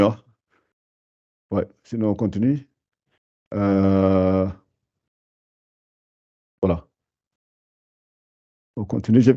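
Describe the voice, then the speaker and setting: A man teaching Quran recitation in an online class, explaining rules patiently with many fillers and pausing to recite verses slowly. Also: fairly low pitch, warm tone, dull audio.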